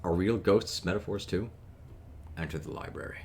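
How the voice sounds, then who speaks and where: Deep-voiced man streaming a story game. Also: normal speed, very noisy. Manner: casual, profane asides between narration. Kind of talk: reading a visual novel aloud with commentary.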